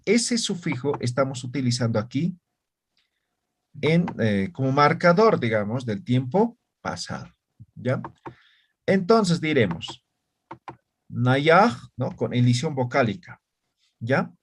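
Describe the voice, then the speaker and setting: A man's voice: mid-range voice, breathy edge. A man teaching an online language class, explaining patiently and often checking that students follow. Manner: slow, patient, checks understanding with "¿ya?" and "¿no ve?".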